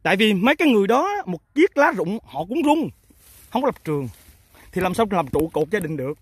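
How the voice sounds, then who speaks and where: A man with a Southern Vietnamese accent talks bluntly and emphatically to his farmers, firing rhetorical questions at them. His voice sits high and swings widely up and down, with a husky edge. The sound is close and dry. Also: big pitch swings, fairly quick, no room sound. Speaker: founder of a fertilizer company addressing farmers and agents. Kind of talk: off-the-cuff talk to his customers.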